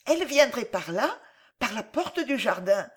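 A woman's voice: fairly high pitch, very animated, unhurried, breathy edge, voice pushed up, exaggerated voice. A woman reading an audiobook and voicing a small, lonely orphan boy who asks pleading questions. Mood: dreamy longing.

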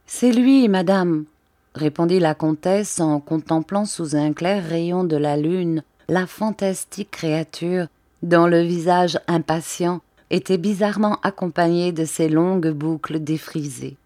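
Mellow low-voiced woman reading a classic novel. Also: no echo, clean studio sound. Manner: measured, expressive reading. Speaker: audiobook reader. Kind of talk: literary audiobook narration.

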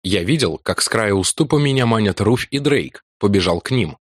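Low-voiced male audiobook narrator. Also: breathy edge, dry recording, studio quality. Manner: measured, even storytelling. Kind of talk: scripted narration.

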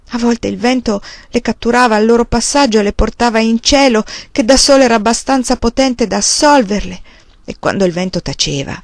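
A woman reading a novel aloud in a measured, dramatic way. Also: fairly high pitch, no echo, clean studio sound. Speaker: audiobook reader. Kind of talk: literary narration.

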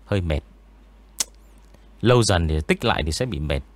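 A man's voice: low voice, moderate pace, no room sound. A man who narrates ghost stories, chatting casually in an interview with many fillers. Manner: relaxed, rambling, many fillers.

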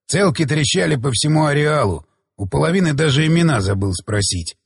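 A man voicing a gruff, jealous middle-aged father who talks in crude, curt growls. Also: a little high, expressive, fairly quick, exaggerated voice. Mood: grumbling.

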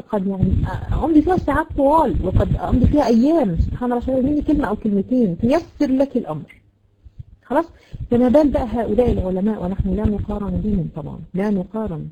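A woman with an Egyptian Arabic accent teaching a Quran recitation lesson, explaining with many fillers and repeated questions to her students. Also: mid-range voice. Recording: dull lo-fi recording with noise.

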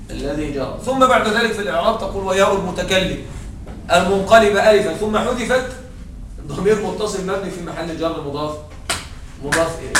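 A man teaching a grammar lesson, explaining step by step, slowing down to dictate parsing phrases and often checking that the class follows. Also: high voice. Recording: echoey room, distant mic, faint noise.

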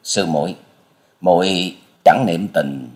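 A man's voice: low-pitched, sing-song, moderate pace. A man voicing a scheming young male disciple, fawning aloud and muttering threats to himself. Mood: pleading.

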